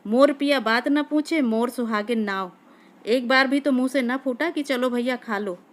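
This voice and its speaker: A woman doing a sharp-tongued, taunting young wife. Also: fairly high pitch, normal speed, lightly acted.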